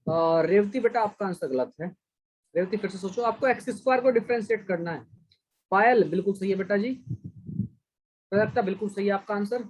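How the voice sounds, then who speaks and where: Husky-voiced male teacher, patient. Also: sits high, a little fast, long pauses, poor audio. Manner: patient, praises students by name. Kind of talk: online class lesson.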